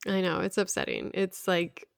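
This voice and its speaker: A young adult woman with vocal fry, chatting casually as a podcast co-host in a wry, self-deprecating way. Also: fairly low pitch, huge pitch swings, moderate pace, no echo.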